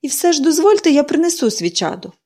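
A woman doing a chatty little girl in a storybook, eager and bubbly, with a high voice that leaps up and down as she gushes. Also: very animated, moderate pace, darkish tone.

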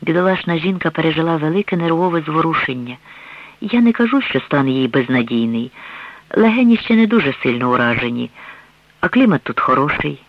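A man reading the lines of a gentle, optimistic country doctor who reassures a patient in a soft, polite way, in a dull, dry radio recording. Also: high-pitched, fairly quick, no room sound, pitched above the performer's own voice, lightly acted. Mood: soothing.

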